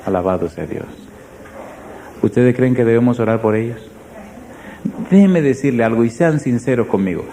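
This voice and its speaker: A male pastor preaching a sermon. He tells stories and asks the congregation direct questions, swinging from loud emphasis to hushed lows. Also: expressive, normal speed, long pauses, a little hiss or hum. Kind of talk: sermon with storytelling.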